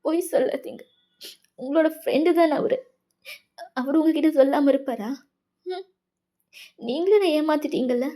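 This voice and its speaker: A woman plays a heartbroken young woman, her voice a touch high yet soft and mellow. She pleads and accuses through tears in a fan fiction voice-over. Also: moderate pace, pauses often, lightly acted. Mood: accusing.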